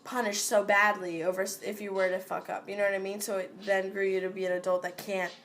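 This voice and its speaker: A young woman co-hosts a podcast, teasing and swearing freely in relaxed chat. She talks at a middle pitch. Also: fast, noisy background. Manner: blunt, profane, teasing. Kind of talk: casual chat.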